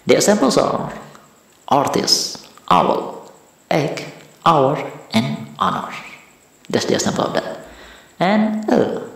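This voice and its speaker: Animated, gravelly-voiced male teacher. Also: mid-range voice. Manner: animated, repeats and stresses key words. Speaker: English teacher. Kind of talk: bilingual classroom-style lesson. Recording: very echoey room.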